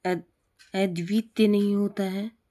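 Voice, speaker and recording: A woman tutor runs a spelling drill at an unhurried, deliberate pace. She names each word, states the wrong form, then repeats the correct one in a plain, mid-pitched voice. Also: fairly even intonation, dark tone. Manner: slow, repetitive drilling of correct forms. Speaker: Hindi teacher. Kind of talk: spelling lesson for exam prep.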